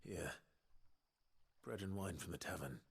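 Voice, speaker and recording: A man voicing a grave young swordsman in a video game, speaking in a low, steady, husky voice. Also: unhurried, slight background noise. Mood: calm, gentle.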